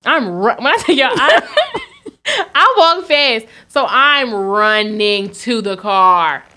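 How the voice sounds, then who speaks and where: A young woman, co-hosting a podcast, telling a story in an animated, profane way and laughing often. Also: fairly high pitch, takes it slowly. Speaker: podcast co-host. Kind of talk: casual storytelling chat.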